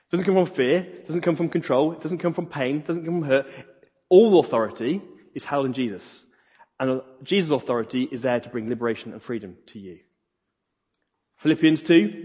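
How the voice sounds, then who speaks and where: In a reverberant hall captured on dull lo-fi audio, a man delivers a sermon with earnest conviction, returning to key phrases to drive them home. His voice is a little high, a little mellow, and husky.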